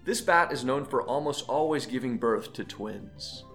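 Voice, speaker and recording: Lively, jokey man hosting a quiz. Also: medium pitch, normal speed, faint music behind. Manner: jokey, teasing, laughs between lines. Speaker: quiz host. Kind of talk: playful quiz hosting, reading animal clues.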